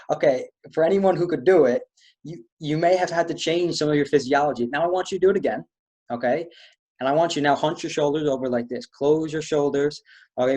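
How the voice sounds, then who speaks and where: A man's voice: on the high side, darkish tone. A man leading an online stress-relief webinar, coaching listeners through posture and breathing steps. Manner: coaching, gives step-by-step physical instructions. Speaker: webinar presenter. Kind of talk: guided stress-relief talk.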